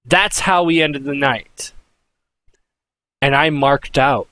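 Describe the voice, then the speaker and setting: A man giving a casual, excitable wrestling review, swearing and restarting often with fillers. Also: mid-range voice, slow pace.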